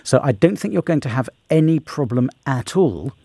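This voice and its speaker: A man hosting a radio legal phone-in, giving a caller careful, sympathetic advice in a halting way. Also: mid-range voice, big pitch swings, vocal fry, dark tone, breathy edge, no echo. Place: radio studio.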